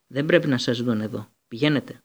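Male reader doing a big gentle frightened gamekeeper, urgent and loud, gravelly husky voice. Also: medium pitch, close to an everyday voice. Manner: urgent, commanding but shaken.

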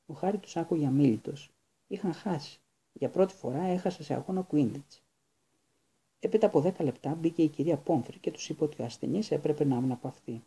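Gravelly, dark-voiced male narrator. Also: on the high side. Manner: calm, measured storytelling. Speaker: audiobook narrator. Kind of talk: scripted narration.

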